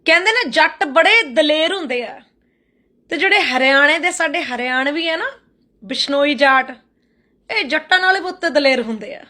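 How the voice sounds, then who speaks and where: A woman's voice: sits high, lively intonation, measured pace, sharp tone. A woman from Haryana, ranting to camera in a fiery, defiant, emphatic way. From Haryana, India. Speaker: social media creator. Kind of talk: vlog rant to camera. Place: Canada.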